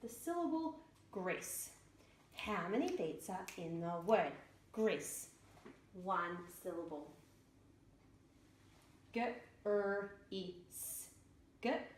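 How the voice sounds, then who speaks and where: A woman teacher talks through a spelling lesson at an unhurried pace, breaking words into single sounds. Her voice sits at a middle pitch. It rings in a roomy, echoing space. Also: sing-song, slight background noise. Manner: slow, deliberate, sounds words out letter by letter. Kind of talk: instructional explanation. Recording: echoey room.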